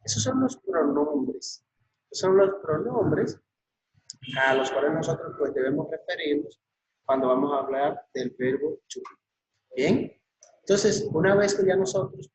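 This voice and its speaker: A male teacher gives an English lesson at an unhurried, deliberate pace, repeating each word for his students. His voice sits a little high for a man. The audio is dull and lo-fi, with a noticeable echo around him. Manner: slow and repetitive, drilling words with many fillers. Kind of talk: classroom lesson video. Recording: echoey room, dull lo-fi audio.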